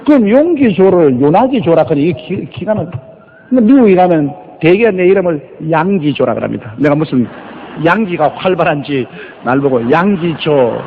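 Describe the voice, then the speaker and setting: An older man preaching a sermon as a pastor, telling stories with rhetorical questions and drawn-out emphasis. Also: a little high, animated, a little hiss or hum. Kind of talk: sermon, Bible exposition. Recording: lo-fi recording with long reverb.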